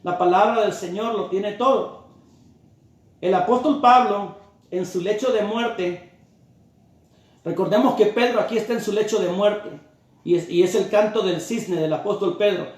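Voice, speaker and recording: A man's voice: sits high, moderate pace, long pauses. A man preaching a sermon with an emphatic, repetitive cadence. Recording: very echoey room.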